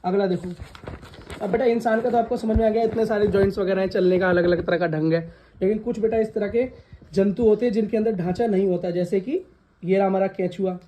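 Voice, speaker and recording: This lo-fi recording, with a little hiss or hum, captures a woman science teacher in a classroom, her mid-range voice fairly even and a bit fast. She asks questions and has the class repeat the answers, repeating questions for them to echo, calling them "beta," and scolding the students who laugh.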